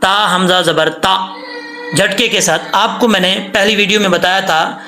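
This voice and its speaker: A man teaching Quran recitation rules, explaining in casual speech and then chanting words slowly, syllable by syllable, to show how they should sound. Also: high voice, steady tone, bright, forceful tone, soft background music. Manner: breaks verses into syllables, stretches sounds to show length. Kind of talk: tajweed lesson, slow recited examples between explanations.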